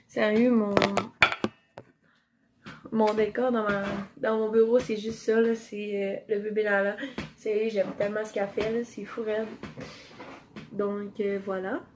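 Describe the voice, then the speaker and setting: A woman's voice: medium pitch, fairly even intonation, takes it slowly, pauses often, noisy background. A woman with a Quebec French accent chatting through a casual giveaway unboxing in her home office, rambling and upbeat. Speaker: YouTuber. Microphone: camera mic.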